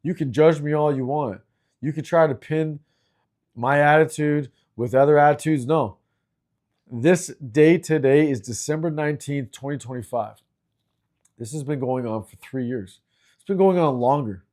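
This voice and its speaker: A man's voice: a little high, moderate pace, darkish tone. A middle-aged man from Canada hosting his own video, ranting angrily and with lots of swearing about complaint agencies. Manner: angry, frustrated, profane. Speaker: video host. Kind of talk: ranting commentary.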